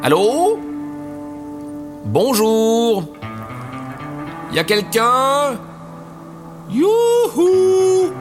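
A theatrical cartoon delivery man acted by a man, excitable and greedy, who stammers and dramatizes. His pitch swoops widely, with clear music behind him. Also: normal speed, close to an everyday voice. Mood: calling out. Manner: hesitant, theatrical, melodramatic. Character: excitable, gluttonous, scheming male delivery courier. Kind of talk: scripted animated comedy, narration and dialogue.

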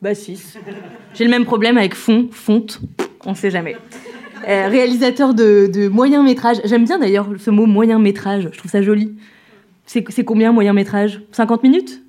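A woman's voice: fairly high pitch, steady tone, moderate pace, dark tone. A woman hosting a live event on stage, introducing jury members and guests in a chatty, self-deprecating way with many fillers. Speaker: event host. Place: event stage before an audience.

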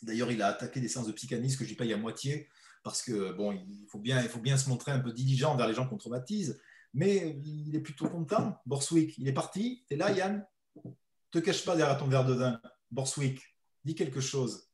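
A man's voice: mid-range voice, a little fast. A man with a southern French accent, a co-author teasing his partner while presenting a book at a public talk. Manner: teasing, animated storyteller. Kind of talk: playful talk at a book event. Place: talk venue with audience. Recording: roomy echo.

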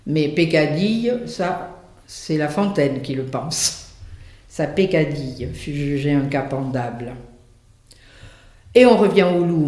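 A man teaching a classic fable, animated and lingering on each word of the verse as he explains it. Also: fairly high pitch, roomy sound. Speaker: literature teacher.

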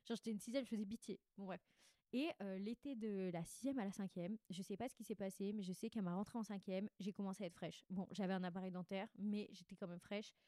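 In a very dry recording with no echo, a woman in her twenties talks through a stuffy nose in a mellow, average-pitched voice, keeping a steady tone at a fast pace. This podcast host's casual confessional monologue is slangy and candid, diary-like, rambling, and full of mid-sentence self-corrections.

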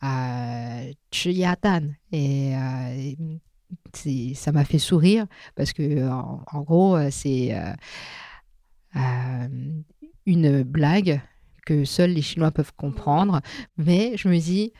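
A woman's voice: low-pitched, slow pace, mellow, no room sound, studio quality. A French woman speaking as a podcast guest, talking casually with frequent hesitations and filler sounds. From France. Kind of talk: casual interview conversation.

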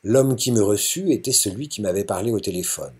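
Guy narrating an audiobook, husky breathy voice, lively expressive reading. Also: fairly low pitch, a little fast. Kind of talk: scripted literary narration.

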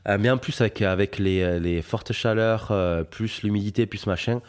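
A young man who is a podcast host and guitarist chats casually, friendly but hesitant and full of fillers. His voice is lowish and clean-toned, at a moderate pace.

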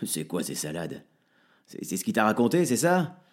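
Un homme joue un voisin bourru et soupçonneux, d'âge mûr, qui menace d'un ton rude. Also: male voice, fairly low pitch, huge pitch swings, moderate pace. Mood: angry. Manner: gruff, threatening. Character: grumpy suspicious middle-aged father with gun.

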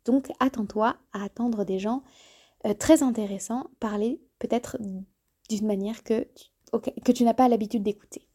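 A woman in her early thirties hosts a solo podcast trailer monologue, speaking warmly and directly to the listener and sometimes correcting herself mid-sentence. Her voice is a little high, with a steady tone, moderate pace, and a breathy edge.

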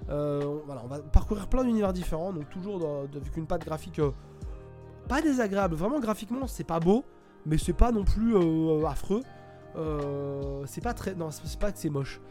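A man talks through a video game review at his computer, pausing often and restarting his sentences. His voice sits a little high for a man but sounds mellow and soft-edged. Faint music plays behind him. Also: lively intonation. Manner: hesitant, many fillers and restarts. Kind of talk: casual spoken game review. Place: home, at a computer.

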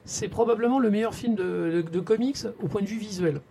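A man's voice: high-pitched, brisk, creaky, dark tone, a little hiss or hum. A man co-hosting a radio show, explaining film craft with assurance and enthusiasm. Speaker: radio co-host, film commentator. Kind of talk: casual film discussion.

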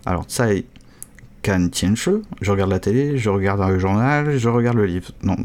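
A man with a fairly low voice talks through a casual language lesson. He speaks haltingly, restarts often and drops in some slang. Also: a little mellow. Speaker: Chinese language teacher.

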